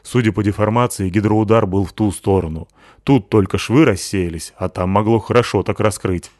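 A man doing a gruff, blunt, crude woman. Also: on the low side, normal speed, darkish tone, dry recording, clean studio sound, lightly acted. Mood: matter-of-fact.

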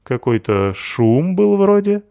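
A man's voice: low-pitched, moderate pace, no echo, clean studio sound, lightly acted. A man voicing a sly, cocky male ginger cat who feigns innocence.

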